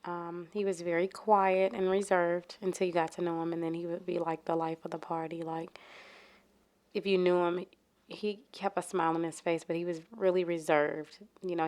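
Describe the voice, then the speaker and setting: A St. woman recounting a loss in a low, flat voice. She talks haltingly, with many fillers and restarts, and her emotion stays close to the surface. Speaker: interviewee, mother of a shooting victim. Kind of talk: personal testimony.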